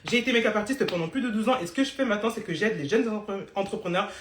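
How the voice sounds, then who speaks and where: A woman's voice: mid-range voice, animated, racing. Blunt teasing woman coach, echoey. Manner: blunt, teasing, sprinkles English phrases. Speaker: business coach for beauty entrepreneurs. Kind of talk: live-stream coaching talk.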